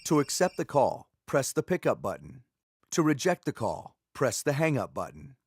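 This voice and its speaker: A man's voice: medium pitch, big pitch swings, normal speed, no echo. Dry-sounding male instructional narrator. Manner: clear, neutral, procedural delivery. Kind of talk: scripted step-by-step instructional narration. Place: dry studio voice-over.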